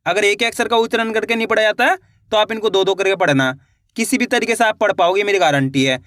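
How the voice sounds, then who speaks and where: A man teaching reading online, sounding out each syllable slowly and encouraging viewers to keep trying. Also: high-pitched, fairly bright tone, dry recording, studio quality. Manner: spells words syllable by syllable, slow and drawn out; encouraging, addresses viewers as friends.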